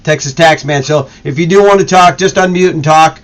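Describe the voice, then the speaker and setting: A man's voice: a little high, a little fast, poor audio. A man hosting a live stream, chatting casually and explaining details at length. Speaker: stream host.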